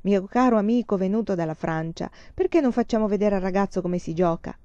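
A woman's voice: medium pitch, expressive, a little fast, warm tone, dry recording, lo-fi sound, lightly acted. A woman voicing a sly man who teases his guest with mock-flowery praise. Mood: teasing. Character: sly, teasing man host at dinner.

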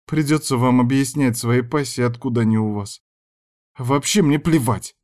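A heartbroken young actress in an audiobook, played by a man who pushes his voice well up. She sobs, pleads and snaps in shrill bursts, fiery even through the tears. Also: moderate pace, lightly acted. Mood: bitter. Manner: sobbing, shrill outbursts.

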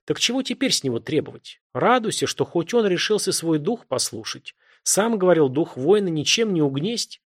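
A man voicing a goddess with a lovely voice who calmly reasons with an elder. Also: fairly high pitch, moderate pace, hardly any pauses, slightly rough, voice pushed up.

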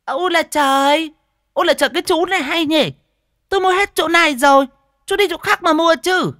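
Male reader putting on a shrill fat market woman, very high, loud and bossy, in a storybook. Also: brisk, no echo, clean studio sound. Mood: scolding. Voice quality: shrill, sharp-tongued.

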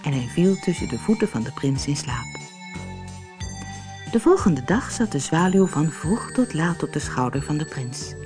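Low-voiced woman reading a fairy tale. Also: animated, normal speed. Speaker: narrator. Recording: faint music behind the voice.

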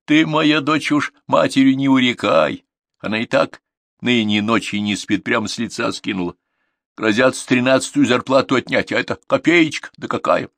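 A man's voice: fairly high pitch, very animated, moderate pace, fairly bright tone, no echo, pitched above the performer's own voice, exaggerated voice. A man voicing a tearful old village grandmother who sighs and pleads in rural speech. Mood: plaintive. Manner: sighing, plaintive rural speech.

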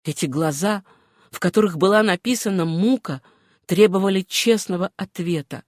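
A woman narrating a novel in a steady, even storytelling manner. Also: on the low side, normal speed, no room sound, studio quality. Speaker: audiobook narrator.

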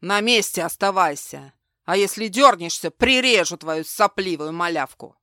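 A woman's voice: on the low side, expressive, moderate pace, no echo, studio quality. A woman voicing a snarling unhinged male villain. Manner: snarling, shouting threats. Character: vicious vengeful male ex-husband, unhinged. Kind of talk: audiobook dialogue.

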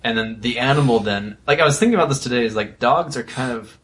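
A man co-hosting a casual podcast chat, musing thoughtfully and halting with restarts. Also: mid-range voice, a bit bright. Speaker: podcast co-host.

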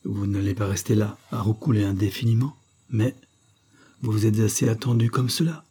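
A man's voice: on the low side, steady tone, moderate pace, mellow, slightly rough. A man playing a jovial lawyer friend. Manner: jovial, insistent. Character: cheerful middle-aged male lawyer, teasing friend.

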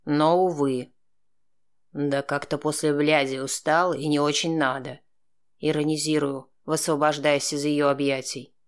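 A man narrating a first-person audiobook in a steady, dry, sardonic tone. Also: a little high, a little slow, smooth.

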